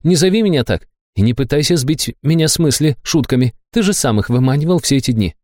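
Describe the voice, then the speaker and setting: A man's voice: medium pitch, animated, fast, darkish tone, dry recording, clean studio sound, pitched above the performer's own voice, close to an everyday voice. A man voicing a young female student who scolds her friend, angry yet caring, in an audiobook reading. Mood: scolding. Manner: scolding, worried, raised voice. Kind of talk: audiobook character voice.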